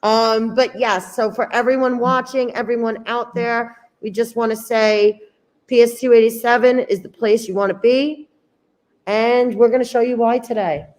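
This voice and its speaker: A woman's voice: on the high side, steady tone, moderate pace, darkish tone. A woman hosting a school open house, chatting playfully and enthusiastically with viewers and a young student. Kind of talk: upbeat casual chat.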